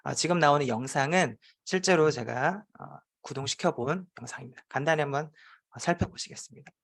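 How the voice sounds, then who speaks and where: A man's voice: fairly high pitch, a little fast, creaky, fairly bright tone. A man, a teacher presenting at a forum, telling a playful classroom story with frequent hesitation fillers.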